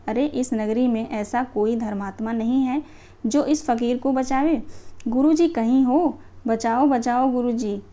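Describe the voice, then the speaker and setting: A woman's voice: on the high side, mellow, natural voice. A woman reading the lines of a frightened young male disciple who begs to be saved from the gallows, read aloud from a play text. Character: doomed young male disciple, pleading and wailing.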